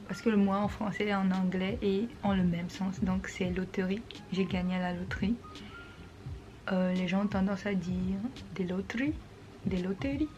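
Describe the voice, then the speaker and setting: A woman vlogger explaining English pronunciation in a casual talk, repeating words slowly and patiently. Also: mid-range voice, darkish tone, dull audio.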